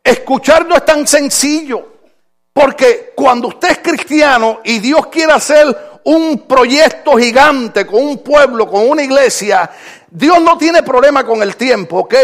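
A man's voice: very high-pitched, measured pace. An older man preaching a sermon as pastor, asking his congregation rhetorical questions and telling stories.

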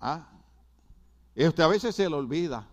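A middle-aged pastor from Puerto Rico preaches in a Puerto Rican accent, with a high-pitched voice. He hammers his points home by repeating phrases and keeps turning to the congregation with quick asides. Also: expressive. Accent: Puerto Rican Spanish. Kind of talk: sermon.

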